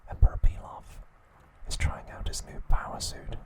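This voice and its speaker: An episode recap is whispered by a man in ASMR style, the sound breathy and unvoiced. Deliberate pauses fall between his short phrases.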